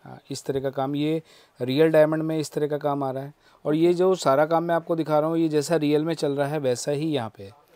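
A man's voice: fairly high pitch, steady tone, brisk, dark tone, clean tone, no echo. A man with a Delhi Hindi accent, a shopkeeper showing his stock with polite, salesy talk and a habit of saying yes, yes. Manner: polite, salesy, keeps agreeing and addressing her as ma'am.

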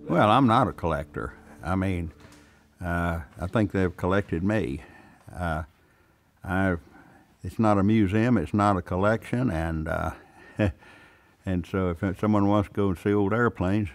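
An older man with a very deep, low voice speaks in a plainspoken, drawling manner. He is a veteran pilot telling stories in a relaxed interview. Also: measured pace. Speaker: pilot and aircraft owner. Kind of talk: casual interview.

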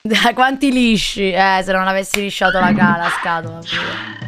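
A woman in her late twenties with a Sicilian accent, chatting with viewers during live game commentary in an excitable, repetitive manner. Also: mid-range voice, normal speed. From Sicily, Italy. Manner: excitable, repetitive, mild swearing. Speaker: live streamer. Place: indoor gaming room. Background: game music with drums.

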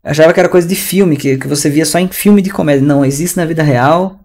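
A man's voice: fairly high pitch, fast, a little mellow. A man with a Brazilian Portuguese accent teaching an online English class in a chatty, slangy, ranting way over a video call.

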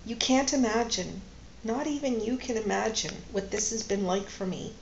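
A woman's voice: fairly high pitch, normal speed, gravelly, slight background noise. A woman reading a novel aloud, voicing a restrained, grieving woman character in an echoey, slightly dull recording. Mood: restrained, sorrowful. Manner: quiet, restrained, tearful at times. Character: grieving, composed woman in her thirties. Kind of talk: audiobook-style read-aloud dialogue.

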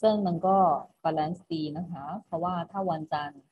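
On a muffled recording with faint noise, a woman with a fairly low-pitched voice speaks briskly as she teaches an online class. She repeats each instruction patiently, finishing phrases with a polite particle.

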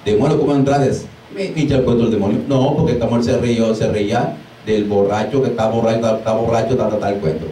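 A deliverance minister preaches casually to a small group in a fast, mid-range voice, acting out exclamations and laughing along the way. He comes across as animated. The recording is distant from the mic in an echoey room, with a little hiss or hum.

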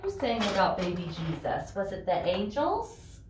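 A woman's voice: medium pitch, sing-song, a little slow, noisy background. A woman speaks to a toddler in a roomy, echoing classroom, a little away from the microphone. She takes her time, using simple repeated phrases and a sing-song delivery as she leads a children's Bible lesson. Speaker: Sunday school teacher for a toddler. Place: small indoor classroom with tiled ceiling. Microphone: camera a short distance away. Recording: roomy echo, distant microphone.

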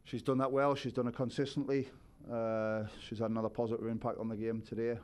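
A man's voice: mid-range voice, level tone, fast, a little mellow, clean tone. A man in his forties, a head coach, giving thoughtful postgame answers at a press conference, seated at a table with a microphone. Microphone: table microphone on a stand.

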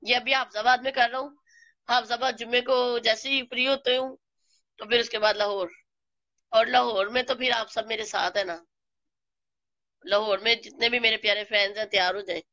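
A woman with a Pakistani Urdu accent, slightly hoarse from a flu, slowly greeting live stream viewers by name and teasing them. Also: on the high side, steady tone, bright, forceful tone, no echo, lo-fi sound. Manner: slow, greets viewers by name, playful scolding. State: hoarse from a flu and sore throat.

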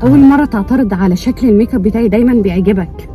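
A woman's voice: a little high, racing, mellow, soft background music. A young woman with an Egyptian accent, playfully mock-offended while bantering with her husband in a car. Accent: Egyptian Arabic. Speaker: vlogger, wife. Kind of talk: prank vlog banter. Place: inside a car.

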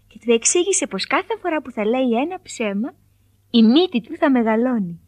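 High-voiced woman reading a fairy tale. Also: no room sound. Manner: expressive, storytelling. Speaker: narrator.

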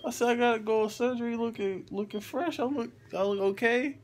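Still woozy from anesthesia, this young vlogger talks briskly in a very high-pitched voice to the phone he holds at arm's length while lying in his hospital bed. His slangy, casual chat wanders between thoughts, with the hospital room's background noise audible.

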